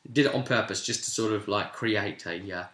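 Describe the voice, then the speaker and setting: A game master recounts his tabletop role-play session in a casual, story-like way, wandering into asides as he goes. His voice is on the low side, brisk and fairly bright, and the room sounds roomy and echoey.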